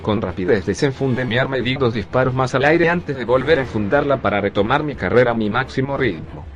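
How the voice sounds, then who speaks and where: A male text-to-speech voice narrating a first-person zombie story in a steady, even reading. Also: medium pitch.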